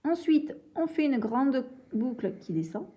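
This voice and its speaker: A woman's voice: high voice, expressive, unhurried, dark tone, dull audio. A young woman teaching a reading and handwriting lesson, patiently walking through sounds step by step. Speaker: primary school teacher.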